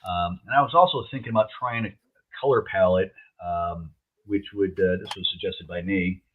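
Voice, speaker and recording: A man chatting casually in a laid-back stoner way, halting and searching for words. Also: low voice, slight background noise. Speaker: logo artist and co-host. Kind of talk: casual chat. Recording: dull, lo-fi, muffled sound.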